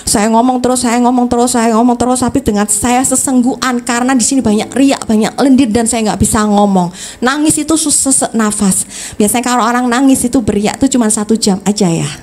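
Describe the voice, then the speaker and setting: A woman's voice: a little high, brisk, a little mellow. A woman giving an earnest personal testimony in church, acting out past conversations as she tells her story.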